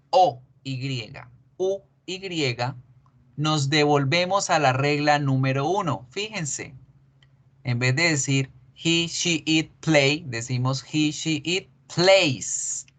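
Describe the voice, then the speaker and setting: A man teaching an English grammar lesson, explaining slowly and repeating each example. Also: fairly high pitch, fairly bright tone. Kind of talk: recorded online grammar lesson.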